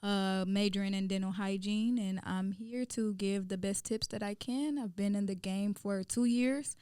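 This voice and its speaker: A woman's voice: mid-range voice, steady tone, moderate pace, mellow, smooth, no room sound, studio quality. Confident young woman student. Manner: friendly, confident, laughs easily. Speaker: student guest. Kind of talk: casual podcast interview.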